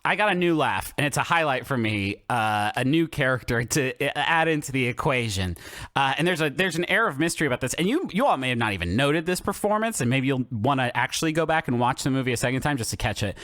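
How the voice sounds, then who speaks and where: Animated man on a casual movie podcast. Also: mid-range voice, quick pace, no room sound, studio quality. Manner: animated, laughs while retelling scenes. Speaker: podcast co-host. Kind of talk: casual comedic film discussion.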